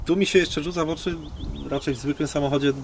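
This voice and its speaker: A man's voice: on the high side, fairly even intonation, quick pace, slight background noise. A man interviewing in casual chat, informal, slangy and inquisitive.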